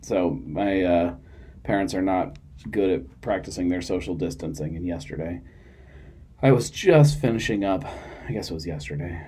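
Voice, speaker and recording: A man's voice: sits low, normal speed, dark tone, husky. A man hosting a podcast on his own in a small studio, tired and yawning, chatting in a loose, rambling way with lots of fillers and restarts. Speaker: podcast host. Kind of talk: casual solo chat.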